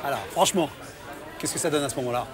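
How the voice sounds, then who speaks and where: A man's voice: medium pitch, fast talker, crowd noise. A man hosting a TV chat show, asking questions in a chatty, teasing way with fillers. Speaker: TV host. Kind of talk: casual interview.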